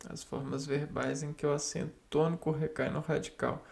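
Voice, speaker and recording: A man slowly reading spelling rules aloud and explaining them to himself, halting and repeating words as he goes. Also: a little high, level tone, vocal fry, darkish tone.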